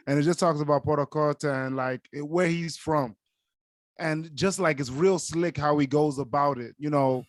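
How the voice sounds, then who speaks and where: A young man whose first language is Yoruba co-hosts a podcast, chatting casually and earnestly while leaning often on "like" as a filler. His medium-pitched voice comes through a dry, studio-quality recording.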